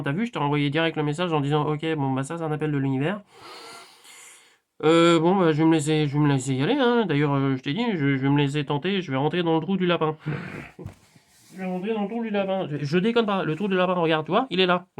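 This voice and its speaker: A man vlogging in a casual spiritual monologue, rambling and playful, with lots of fillers and repeats. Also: a little high.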